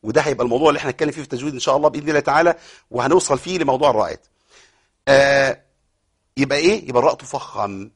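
A man with an Egyptian accent teaching Quran recitation rules on a broadcast program, explaining in an informal way and reciting verses slowly. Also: medium pitch, breathy edge. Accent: Egyptian Arabic. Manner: explanatory, asks and answers his own questions, recites verses slowly; many fillers and repeated words. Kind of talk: tajweed lesson on a broadcast program.

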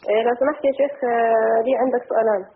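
Female caller, husky, very quick, formal wording, thin telephone audio. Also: a little high, fairly even intonation. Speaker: caller to a religious programme. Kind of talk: questions in careful formal register. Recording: rough narrow phone line.

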